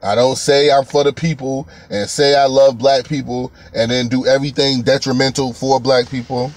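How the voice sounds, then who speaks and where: A man's voice: mid-range voice, level tone, normal speed. A man giving casual live-stream commentary in a blunt, profane, mocking way.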